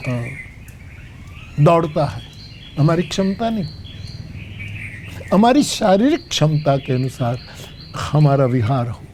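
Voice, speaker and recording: An older man delivers a devotional talk at an unhurried pace, his voice a touch high but mellow and soft. He tells stories and slips into sung verses. Faint birdsong drifts in from the open air around him. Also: slight background noise. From Gujarat, India. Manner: slow, measured storytelling with sung verses. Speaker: spiritual storyteller. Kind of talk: devotional discourse.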